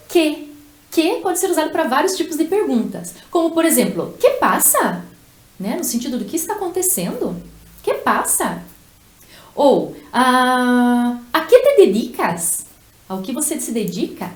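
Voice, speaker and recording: Lively, high-voiced woman teaching Spanish. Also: echoey room. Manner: slow, carefully articulated model phrases with pauses. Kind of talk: language lesson with repeat-after-me drills.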